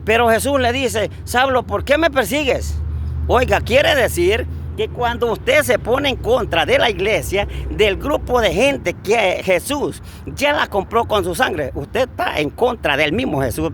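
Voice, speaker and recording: A man with a high voice preaches a fervent sermon outdoors. He keeps repeating blessings and addresses his listeners as brothers. Faint street and traffic noise sits behind him. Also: animated, unhurried, few pauses, a bit bright.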